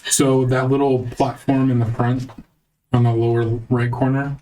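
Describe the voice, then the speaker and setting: A woman game master with a very deep voice narrates and referees a tabletop session. She speaks slowly and deliberately. The mic is a little distant, with faint noise. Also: little pitch movement, dark tone.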